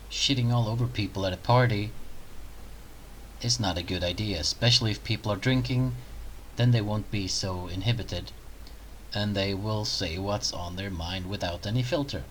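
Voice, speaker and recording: A man's voice: on the low side, fairly bright tone, slight background noise, rough recording. A man hosting a reaction commentary video, talking in a sarcastic, mocking way.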